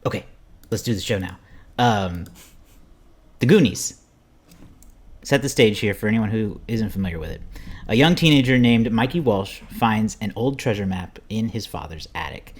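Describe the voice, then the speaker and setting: A man's voice: on the low side, expressive, moderate pace, long pauses, husky. A man hosting a podcast, introducing the show and chatting casually with his co-hosts. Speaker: podcast host.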